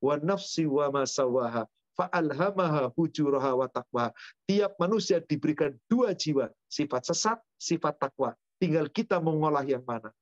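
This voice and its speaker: A man's voice: on the high side, expressive, moderate pace, no echo. Man, Islamic teacher, rhetorical questions, spoken lists, lo-fi, dry sound. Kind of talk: Q&A religious study talk.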